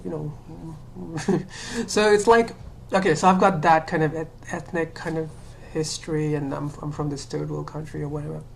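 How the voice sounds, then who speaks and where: A Sri Lankan woman vlogger with a low, deep, slightly mellow voice and vocal fry speaks to her camera in a casual, thinking-aloud personal monologue. Hesitant, she hedges and restarts often, leaning on "um" and "you know" and laughing self-consciously. A faint hiss runs under the home recording.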